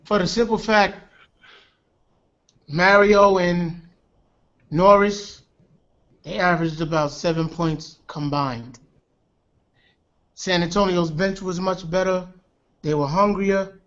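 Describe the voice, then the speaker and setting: Call-in guest, man from New York, high voice, confident, choppy dull audio. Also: fairly even intonation, takes it slowly, long pauses, fairly bright tone. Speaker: guest, former basketball player. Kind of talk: casual sports commentary.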